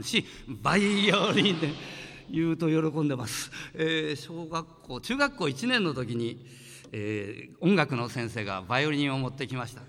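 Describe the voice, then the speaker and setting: Animated man in his sixties, echoing hall. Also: on the high side, slight background noise. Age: 60s. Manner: animated, acts out voices in his story. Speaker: singer. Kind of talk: storytelling to children with songs.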